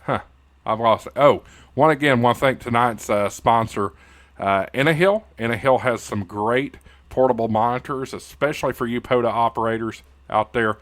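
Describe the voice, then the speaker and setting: This is a YouTube host and amateur radio news anchor with an Appalachian hillbilly accent, casually chatting through a tutorial livestream. His voice is mid-range and moderately paced, and his manner folksy and informal as he speaks straight to viewers, calling them "y'all" and "guys."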